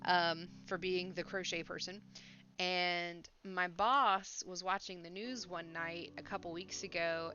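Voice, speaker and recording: With a lowish, sharp-toned voice, a woman chats through her crochet livestream, sounding a little funny because of sinus congestion and a swollen, sore mouth that slightly impedes her speech. The sound is dull and lo-fi, with faint music.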